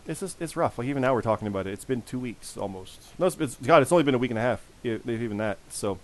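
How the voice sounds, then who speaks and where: A man in his forties with a hoarse, worn voice, hosting a casual podcast and repeating phrases for emphasis. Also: mid-range voice, animated, fast talker, dry recording. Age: 40s. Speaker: podcast host.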